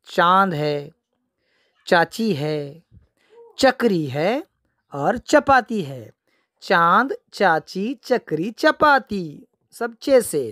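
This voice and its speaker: A man's voice: high-pitched, no echo, clean studio sound. A man teaching young children the alphabet, repeating each word and answering his own questions.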